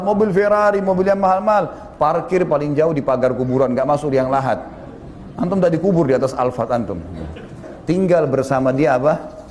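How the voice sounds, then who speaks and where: A man preaches emphatically, dropping into low solemn passages and rising again. His fairly high voice carries a long hall reverb, with faint noise in the background. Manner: emphatic, swinging from loud warnings to low solemn tones. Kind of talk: sermon.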